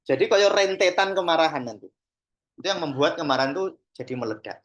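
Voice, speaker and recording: A man's voice: fairly high pitch, expressive, fast, a bit bright, dull audio. A man with a Javanese accent giving an informal teaching talk to a class, speaking in a conversational way and acting out little example dialogues. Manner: conversational, mixes in Javanese phrases, acts out examples. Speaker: Sufi teacher and therapist trainer.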